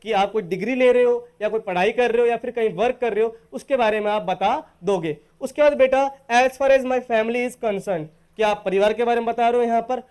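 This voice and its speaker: Recording an online lesson in spoken English, a patient teacher from Rajasthan, India, refers to his students as "beta" and speaks the model phrases slowly. His voice is very high, a little mellow, and smooth.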